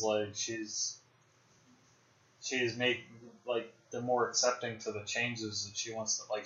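A man's voice: on the low side, fairly bright tone. A young man hosting a podcast, chatting casually about films, rambling and speculating with many fillers. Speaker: podcast host. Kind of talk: casual film discussion. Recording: roomy, dull lo-fi podcast audio.

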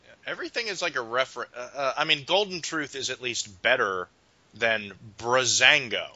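A man's voice: mid-range voice, normal speed, sharp tone, dry recording, lo-fi sound. A man co-hosting a casual chat, reacting with snarky, incredulous remarks. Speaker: podcast co-host.

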